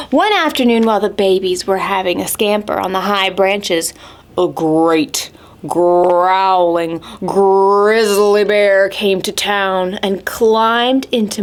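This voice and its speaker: A woman hosting storytime reads aloud to small children in a mid-range voice, expressive and clearly phrased, and asks them questions as she goes.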